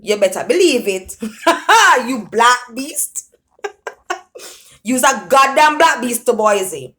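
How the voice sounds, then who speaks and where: A man's voice: extremely high pitch, animated, a little slow, voice pushed up, full character voice. A woman reading as a boisterous laughing man. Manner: loud, laughing, teasing.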